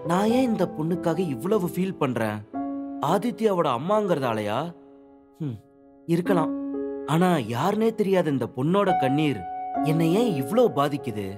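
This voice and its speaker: A man playing a soft-spoken, troubled young man who talks in a gentle, apologetic way, with soft music behind him. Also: on the high side, big pitch swings, normal speed, pauses often. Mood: pondering. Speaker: male lead. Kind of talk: audiobook drama acting.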